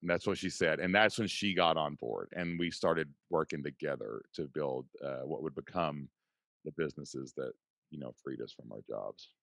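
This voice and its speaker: Very deep-voiced excitable storyteller man. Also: moderate pace, gravelly, dry recording, clean studio sound. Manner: excitable, folksy, says "man" and "dude". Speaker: podcast guest, online entrepreneur. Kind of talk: animated storytelling.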